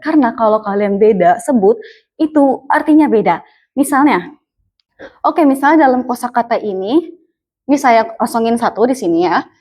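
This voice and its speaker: A young woman teaches a lesson at an unhurried pace. Her voice sits a little high, and she patiently repeats each sound for her learners. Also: darkish tone. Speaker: Japanese language teacher. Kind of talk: explaining lesson to viewers.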